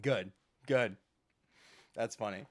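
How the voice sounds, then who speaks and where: A young man co-hosting a podcast, chatting casually, excitable and quick to laugh. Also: on the low side. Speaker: podcast co-host. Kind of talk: casual chat.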